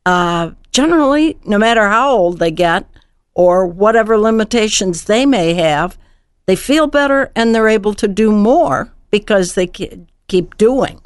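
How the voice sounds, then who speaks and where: An older woman speaks as a radio guest, giving conversational interview answers. Her voice is smooth and clear at a middling pitch, recorded close and dry. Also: no room sound. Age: older, over 55.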